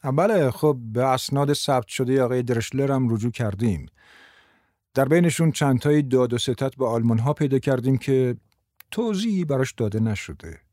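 A man voicing a patient male investigator in an audiobook, explaining things in a calm, measured way. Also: medium pitch, no echo, studio quality, lightly acted. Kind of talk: audiobook character voice.

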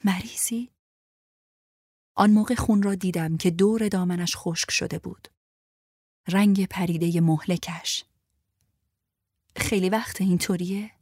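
A woman narrating a first-person story in a measured, restrained way, her voice on the low side. The recording is dry and close, with no room echo. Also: darkish tone. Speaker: audiobook narrator.

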